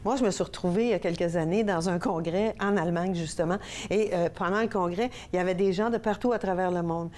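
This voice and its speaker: A woman's voice: fairly low pitch, fast, a little mellow. A woman from Quebec with a Québécois accent hosting a laughter yoga TV show, bubbly and laughing often as she leads exercises. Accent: Québécois French. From Quebec, Canada. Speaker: laughter yoga instructor and host. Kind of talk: upbeat on-air instruction with laughter exercises.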